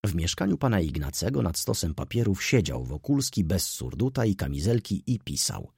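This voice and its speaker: A man reads a classic novel aloud with a theatrical swing, his voice rising and falling widely. The voice is somewhat low and husky, recorded close in a dry, dead space. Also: sing-song, moderate pace, a little mellow, no echo. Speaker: audiobook narrator. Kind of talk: scripted narration of a classic novel.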